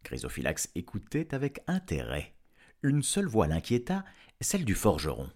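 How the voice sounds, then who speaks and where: A man reading a storybook aloud in an expressive, lively storytelling manner. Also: fairly low pitch, normal speed. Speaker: audiobook reader. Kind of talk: storybook narration.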